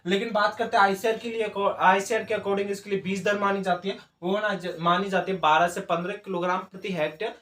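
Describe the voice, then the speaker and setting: A man teaching an agriculture exam class, dictating notes and repeating key terms slowly. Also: sits high, steady tone, fairly bright tone, echoey room.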